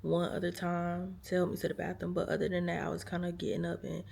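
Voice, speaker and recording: A tired American woman vlogs from a hospital room, casually telling a story to camera and addressing viewers as "y'all." Her lowish, darkish voice is creaky and monotone, and she talks fast and chattily with lots of fillers. There's slight background noise.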